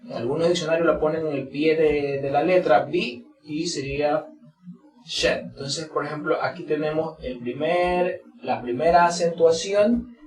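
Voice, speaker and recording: A man with a slightly high voice teaches English word stress, speaking slowly, repeating each example and filling pauses. He sounds far from the mic in an echoey room, with a crowd murmuring in the background. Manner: slow and repetitive, many fillers. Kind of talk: explaining word stress from a board.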